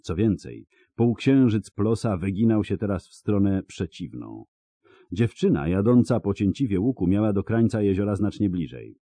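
A man reading a fantasy novel aloud as an audiobook narrator, in a dramatic, expressive storytelling manner. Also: fairly low pitch, moderate pace, dry recording.

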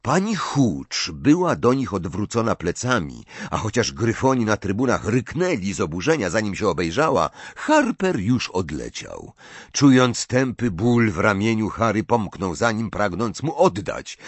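A man narrating an audiobook in an expressive, lively reading. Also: fairly low pitch, measured pace, husky, no echo. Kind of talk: scripted narration.

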